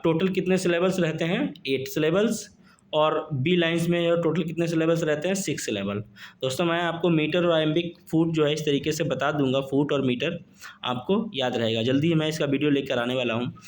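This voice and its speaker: A man teaching an exam-prep lesson, who keeps asking his students questions and reads the English terms out slowly. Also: on the high side.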